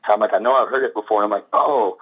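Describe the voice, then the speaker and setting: A man, a guest musician, talking casually in an interview, relaxed and rambling with lots of fillers. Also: lowish voice, fast talker, husky. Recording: tinny phone line.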